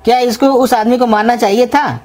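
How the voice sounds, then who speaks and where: A woman voicing a scheming young man who coaxes and flatters to get free food in a comedy cartoon. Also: on the high side, brisk, natural voice. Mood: persuasive. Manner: coaxing, flattering, persuasive. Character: scheming young man, sweet-talking and crafty. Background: music.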